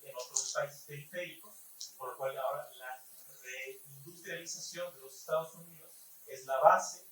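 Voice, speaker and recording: A man's voice: mid-range voice, a bit bright, a little hiss or hum. Mexican guy commenting at a conference, formal and reasoned, mid voice, big echoey hall, mic far off. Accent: Mexican Spanish. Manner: formal, measured academic reasoning. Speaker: audience member at a conference. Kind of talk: conference question-and-answer comment.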